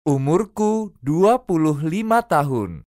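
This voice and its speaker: Slow, lively phrase-drill reader. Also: medium pitch, dry recording, clean studio sound. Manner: slow, careful, each phrase repeated three times. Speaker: language teacher.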